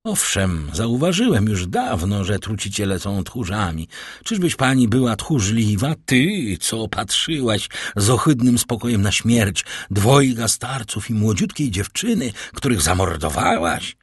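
A man reading an audiobook, voicing a cold, stern prosecutor who accuses his wife in a slow, cutting manner. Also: lowish voice, sing-song, husky, no room sound, studio quality, heavily acted. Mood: accusing. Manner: icy, cutting, slow and menacing. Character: cold stern male prosecutor, middle-aged husband. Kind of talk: audiobook character voice.

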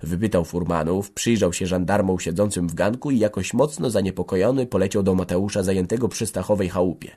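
Male audiobook narrator, low, even storytelling delivery. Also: brisk, hardly any pauses, husky. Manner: steady storytelling reading. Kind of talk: scripted narration.

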